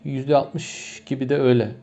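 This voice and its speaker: A man's voice: mid-range voice, fairly even intonation, normal speed, dark tone, faint music behind. A man from Turkmenistan with a Turkmen accent, a native Turkmen speaker, patiently explaining grammar with many repeated examples in a lesson. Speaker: language teacher. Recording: muffled lo-fi recording.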